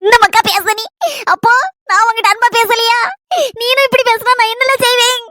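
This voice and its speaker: A woman doing a shrill scheming village mother. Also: steady tone, pushed and bright, slight background noise. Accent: Kanyakumari Tamil. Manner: rapid, gossipy complaining. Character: scheming, fretful middle-aged village mother.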